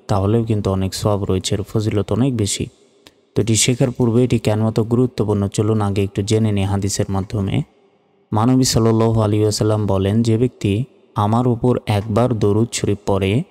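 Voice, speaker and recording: Male teacher, low and even, unhurried lesson delivery, long reverb. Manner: slow, drawn-out Arabic recitation between Bengali explanations. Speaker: religious teacher. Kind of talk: recitation lesson. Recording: reverberant with faint music. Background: faint music.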